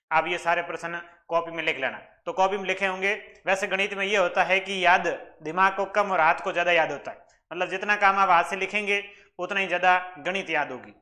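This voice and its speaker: Bright high-voiced man teaching maths. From Rajasthan, India. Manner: explains step by step, asks and answers his own questions. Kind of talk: exam-prep maths lesson.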